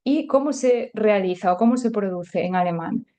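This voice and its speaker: Mellow-voiced woman teaching a language. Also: medium pitch, moderate pace. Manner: chatty and explanatory, many filler words. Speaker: German teacher. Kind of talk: podcast language lesson.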